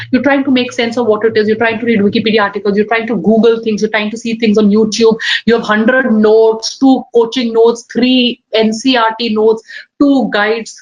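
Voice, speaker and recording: A woman teacher with an Indian accent and a fairly high voice lectures her students. She is emphatic and motivational, repeating key phrases and stretching important words so they land. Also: poor audio. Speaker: biology teacher.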